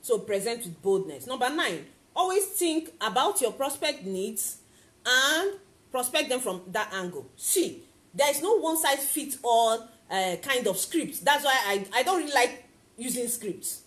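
A woman coaching on network marketing in a motivational talk to camera, animated and acting out little scenes. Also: measured pace. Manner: animated, acts out little scenes with big pitch jumps.

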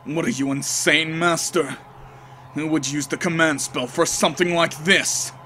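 A man's voice: on the high side, fairly even intonation, moderate pace, pushed and bright. A man reading an arrogant, condescending warrior. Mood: dismissive. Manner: dismissive, lecturing. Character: arrogant male warrior spirit, cold and condescending.

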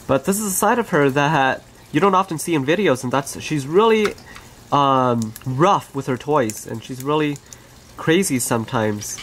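A pet bird owner and channel host gently narrating pet footage in a casual, conversational way, recorded on the camera mic in an outdoor aviary. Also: medium pitch, lively intonation, normal speed, a little hiss or hum.

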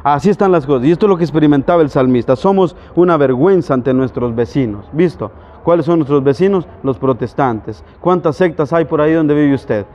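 A man's voice: on the high side, a little fast, hardly any pauses, darkish tone, muffled recording. A man from Guatemala with a Guatemalan Spanish accent, a priest preaching on a psalm in a folksy, conversational way, full of rhetorical questions.

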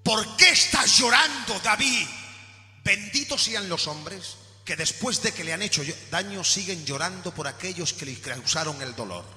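A man from Spain preaching a sermon in a church, shouting at his peaks and dropping low in between. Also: animated, normal speed, few pauses. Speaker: pastor. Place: church hall. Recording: echoey church hall recording with faint music.

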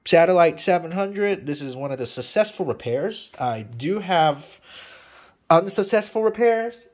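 With a fairly high, slightly mellow voice and lively intonation, a man gives a measured-pace, spontaneous update on fixing radios for his videos. As a hobbyist he rambles, speaks bluntly, and swears a lot.

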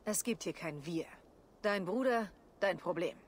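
A woman's voice: on the low side, expressive, unhurried, slight background noise. An actress playing a stern, dry-witted Viking warrior woman in a video game. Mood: scornful. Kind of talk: video game character dialogue.

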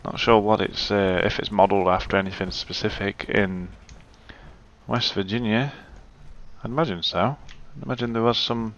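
A man's voice: fairly low pitch, steady tone, moderate pace, fairly bright tone, highs cut off, a little hiss or hum. A man giving casual, muttering gameplay commentary and swearing freely. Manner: chatty, swears, mutters to himself. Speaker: let's play gamer.

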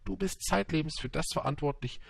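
A man voicing a wise, tender male fox in an audiobook, speaking calmly and instructively. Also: on the high side, brisk, vocal fry, dry recording, pitched above the performer's own voice.

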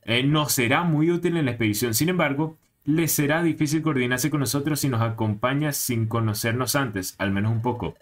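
A man's voice: mid-range voice, fairly quick, few pauses, close to an everyday voice. A man voicing a fussy male parrot foreman who gives orders in a formal, announcing way. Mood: bossy.

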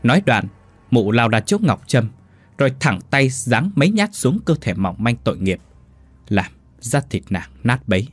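A man telling a horror story in a dramatic, expressive audiobook narration. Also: medium pitch, normal speed, no echo.

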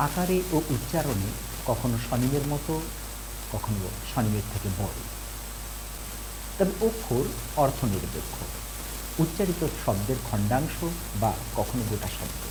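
A male teacher lectures with a lively voice, rising and falling as he stresses each term. A clear hiss runs under the whole recording. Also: medium pitch, normal speed, long pauses. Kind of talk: explanatory lesson. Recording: hissy recording.

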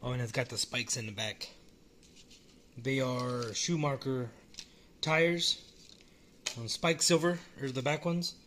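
A man casually talking through a hobby model car while filming it one-handed at home, relaxed and rambling with frequent restarts. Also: mid-range voice, slow pace, pauses often, slight background noise. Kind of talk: casual off-the-cuff vlog. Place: small indoor room at home.

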